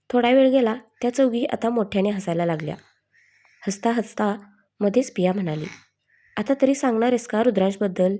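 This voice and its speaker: A woman narrating a story in a steady, expressive reading. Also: mid-range voice.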